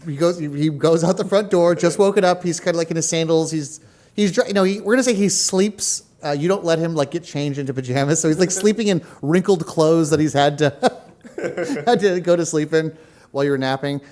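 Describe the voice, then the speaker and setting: Male game master, high voice, halting, stop-start narration. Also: a little mellow. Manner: halting, full of fillers and restarts.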